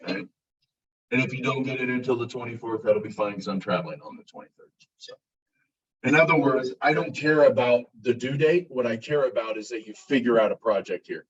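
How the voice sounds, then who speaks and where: A male college instructor giving a casual classroom lecture, relaxed and self-described as monotone. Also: mid-range voice, fairly quick. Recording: muffled, distant classroom recording.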